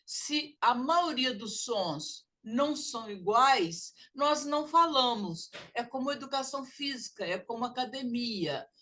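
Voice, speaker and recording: A woman's voice: a little high, animated, pushed and bright. A woman with a Brazilian Portuguese accent teaching a pronunciation lesson, drawing out model sounds. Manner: drawn-out, exaggerated model sounds. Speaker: literacy teacher.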